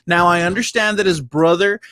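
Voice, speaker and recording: A man's voice: high-pitched, a little fast, pushed and bright. A man from Texas hosting a casual talk show, griping about pet peeves in slangy, conversational speech full of rhetorical questions.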